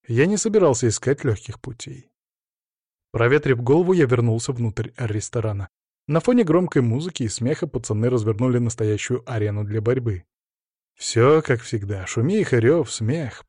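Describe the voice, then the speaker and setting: A man narrating an audiobook in the first person, in steady, measured storytelling. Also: mid-range voice, dry recording, studio quality.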